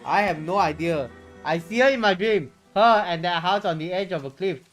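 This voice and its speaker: A man hosting a casual game livestream reads story text aloud dramatically and comments informally, swearing mildly, with music behind him. His high, slightly bright voice moves at normal speed.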